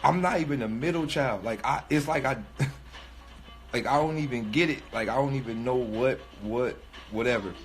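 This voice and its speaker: A sniffly rapper in his thirties with a cold rambles through a casual livestream monologue, thinking aloud with many fillers and restarts. His mid-range voice moves at a normal speed over soft background music.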